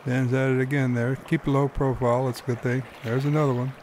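A man's voice: mid-range voice, level tone, fast talker, a little mellow. Male host, mid-range voice, folksy and easygoing, narrates fishing clips with a faint outdoor hiss behind. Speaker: fly-fishing guide and host. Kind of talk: narrating his own fishing video.

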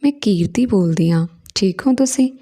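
A woman voicing an earnest young married woman who sounds ill, with soft pleading questions, in a storybook reading. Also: medium pitch, lively intonation, moderate pace, lightly acted. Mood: gentle.

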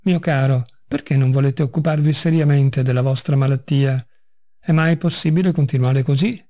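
A man voicing an elderly male postmaster who pleads with fussy, overly affectionate warmth in a storybook reading. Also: medium pitch, fairly even intonation, normal speed, close to an everyday voice. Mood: pleading.

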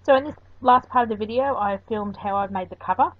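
A craft video host talks her way through a voice-over tutorial, rambling a little and saying "um" often. Her voice is fairly high and fast, and the lo-fi recording sounds dull.

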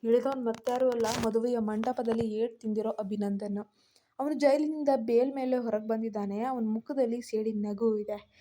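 A woman storyteller narrating a dramatic family story in an expressive way. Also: on the high side, moderate pace.

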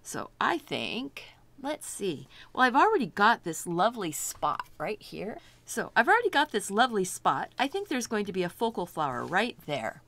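A woman's voice: medium pitch, wildly swooping pitch, moderate pace, vocal fry, a bit bright, dry recording. A middle-aged woman teaching a step-by-step painting lesson, chatty and thinking aloud as she works, delighted by her own results. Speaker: art instructor.

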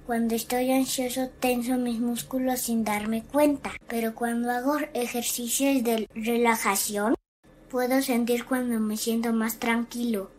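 A woman voicing an earnest, anxious little boy in an animated explainer, reciting his feelings simply. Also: fairly high pitch, a little slow, close to an everyday voice. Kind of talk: scripted animated explainer dialogue.

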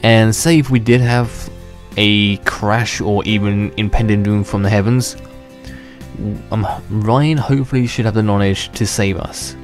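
Unhurried and steady, a young man with a lowish voice hosts a gaming channel, offering casual, meandering talk as he plays. He chuckles to himself and starts sentences over, his voice a little worn from illness. Faint background music runs beneath.

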